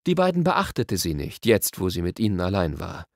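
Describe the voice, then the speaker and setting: A man's voice: a little fast, vocal fry, no room sound, clean studio sound. A man reading a fantasy novel aloud as an audiobook narrator, telling the story expressively. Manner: expressive storytelling with shifting pitch. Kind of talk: scripted narration.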